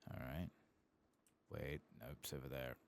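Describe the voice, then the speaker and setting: A gaming ASMR streamer softly murmurs relaxed, unhurried commentary over a video game, sometimes dropping to a whisper close to the microphone. His voice is a flat, rumbling low, with a little hiss or hum in the background.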